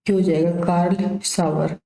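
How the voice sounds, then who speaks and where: A woman's voice: on the low side, steady tone, moderate pace, creaky, mellow, roomy sound, rough recording. A woman teacher going through exam questions one by one, explaining the answers casually and giving memory tricks. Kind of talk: exam revision lesson.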